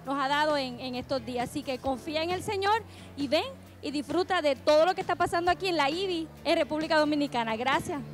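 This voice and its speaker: High-voiced woman inviting over music. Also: fast talker. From Puerto Rico. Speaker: conference attendee. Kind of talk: testimonial.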